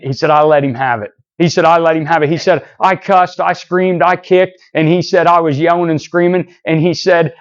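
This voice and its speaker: A man's voice: fairly high pitch, muffled recording. A man preaching a sermon, telling a long story in a rambling way, often saying "so anyways" and acting out what people said. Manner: rambling, repeats "so anyways" and restarts, acts out quoted dialogue. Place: church.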